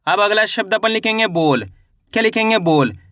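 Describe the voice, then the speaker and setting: A man teaching reading, patiently sounding out each syllable and stretching the words slowly. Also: high-pitched, animated, a bit bright, dry recording. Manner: patient, repetitive, drawn-out word sounding. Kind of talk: slow syllable-by-syllable phonics lesson.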